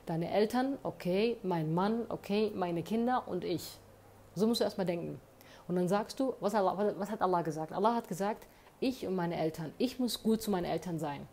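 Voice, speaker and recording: A woman with a lowish, slightly mellow voice offers earnest motivational advice to her phone camera from an indoor room, speaking at a moderate pace. She often checks in using tag questions, and a bit of background noise can be heard.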